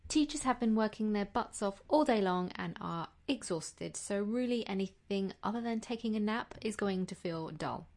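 A middle-aged woman presents an upbeat, tidy advice vlog with a medium-pitched voice. She is chatty and reassuring, and she lays out her tips in an organised, step-by-step way like an experienced teacher. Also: a little mellow. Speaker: teacher giving advice as host.

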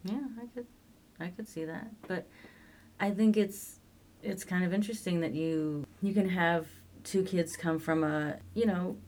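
A woman's voice: lowish voice, measured pace, a little mellow, a little hiss or hum. A woman co-hosting a casual podcast, chatting about a movie and acting out lines from it. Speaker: podcast co-host. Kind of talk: casual chat.

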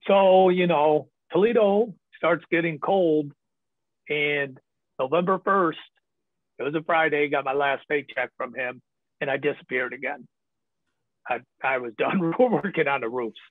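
A man, a podcast guest, recounts his past in a candid, casual way, with frequent laughs and ums. His voice sits fairly high for a man. It comes through a tinny, phone-like line that is completely dry. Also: a little slow, dry recording. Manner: candid, laughs often, many fillers. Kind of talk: casual storytelling.

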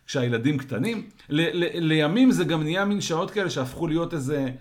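Man co-host, slightly raised pitch, steady explanatory conversational tone. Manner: calm, restates and expands with examples. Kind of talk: casual podcast discussion.

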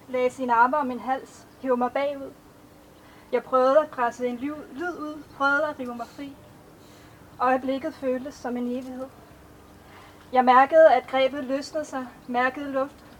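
A woman reading her own poems aloud at a live event, in a slow, measured recital. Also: high-pitched, slight background noise, low-quality recording. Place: outdoor festival stage.

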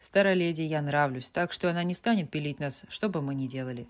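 Woman doing a kind young man, calm, reassuring, lowish voice. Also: fairly quick, lightly acted.

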